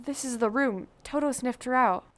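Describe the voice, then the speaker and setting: A woman's voice: sits high, moderate pace, heavy background noise, close to an everyday voice. A teenage girl playing an eager, loyal scarecrow in a stage play, urgent and rallying. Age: teens. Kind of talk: high school stage play acting.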